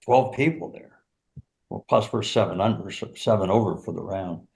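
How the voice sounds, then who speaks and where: An older man tells caddie stories as an interview guest, with an animated delivery. He chuckles often and fills his sentences with "you know.". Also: on the low side, normal speed, creaky. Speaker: golf teacher and former caddie, guest. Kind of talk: anecdotal storytelling in an interview.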